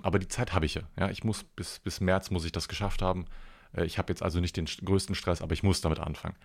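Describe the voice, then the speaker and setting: Gravelly deep-voiced man rambling casually. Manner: rambling, self-deprecating, swears casually. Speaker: podcast host. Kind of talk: casual storytelling monologue.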